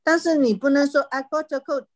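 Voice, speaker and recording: A woman teaching an online English pronunciation class over a video call, patiently repeating phrases slowly for her students to drill. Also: high-pitched.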